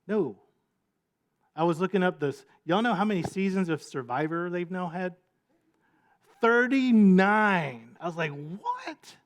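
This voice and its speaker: This is a man giving a sermon, and his voice sits noticeably high. He tells stories with lively sound effects and quick character voices. When he reaches the serious point, he turns quieter and lower. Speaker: pastor.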